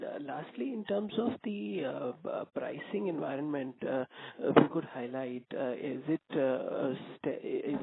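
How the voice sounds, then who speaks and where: Analyst guy on a call, lots of uhs, gravelly voice, phone-line sound. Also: medium pitch. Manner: halting, many "uh" and "you know". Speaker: financial analyst asking questions. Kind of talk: earnings conference call. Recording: phone line with faint noise.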